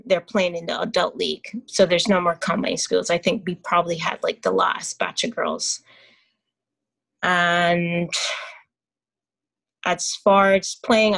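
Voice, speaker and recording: A woman's voice: lowish voice, a bit bright. A Barbadian woman in her forties, a hockey player, chatting casually in an interview and laughing easily.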